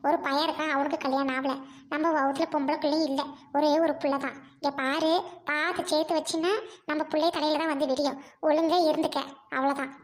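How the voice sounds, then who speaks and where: Woman as a furious, very high-voiced village wife who hurls accusations at her husband. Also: little pitch movement, quick pace, natural voice. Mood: angry. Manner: scolding, accusing, sharp retorts. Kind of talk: amateur family drama acting.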